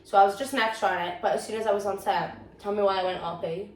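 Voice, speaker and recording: A young drama student from North East England, with a Geordie accent, co-hosts a podcast and chats frankly and casually, swearing freely. Her mid-range voice is rapid-fire with fairly even intonation. The room is echoey, the mic is far off, and there's faint noise.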